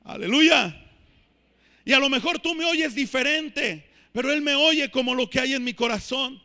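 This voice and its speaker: A man preaching a sermon in church, emphatic and swelling to shouts. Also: very high-pitched, moderate pace. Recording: reverberant church hall.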